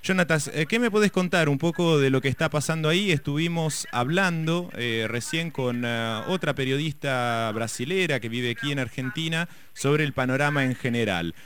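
A man's voice: a little high, expressive, moderate pace, fairly bright tone. A man hosting live radio in a casual, conversational and slightly hesitant way. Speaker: radio host.

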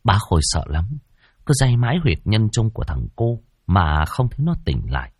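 A man's voice: lowish voice, sing-song, moderate pace, darkish tone, slightly rough, no room sound, studio quality. A man narrating a ghost story dramatically.

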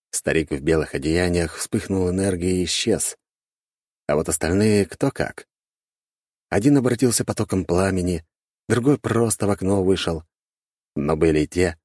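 A man narrating an audiobook with expressive storytelling. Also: low voice, moderate pace, no echo, clean studio sound.

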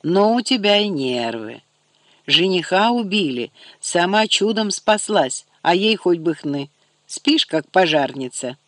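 A man voicing a brisk, blunt young tough who talks in curt slang and sounds impatient. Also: sits high, lively intonation, fairly bright tone, dry recording. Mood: teasing.

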